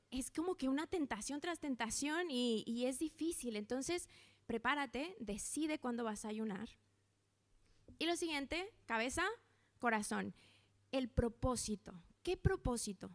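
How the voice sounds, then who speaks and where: A woman delivers a sermon, her voice sitting a bit high. She speaks in an animated, conversational way and acts out the little quoted voices. She sounds to be in her thirties. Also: measured pace. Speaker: preacher.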